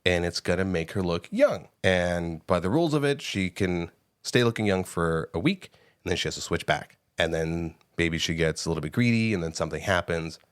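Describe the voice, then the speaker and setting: Low-voiced man chatting about movies. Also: fairly quick, clean tone, no echo, studio quality. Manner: animated, swearing, laughing often. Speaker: podcast co-host. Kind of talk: casual movie review chat. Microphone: close studio mic.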